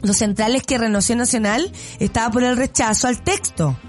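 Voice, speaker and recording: A woman with a Chilean accent hosts a radio show, delivering blunt, sarcastic, opinionated commentary and laughing often. Her voice is a little high and brisk, with faint music in the background.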